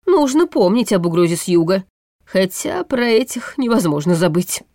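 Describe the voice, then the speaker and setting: A woman's voice: mid-range voice, very animated, normal speed, dark tone, no echo, studio quality. A woman reading a storybook audiobook, voicing a weary, anxious older male chancellor who speaks in a gloomy, hesitant way.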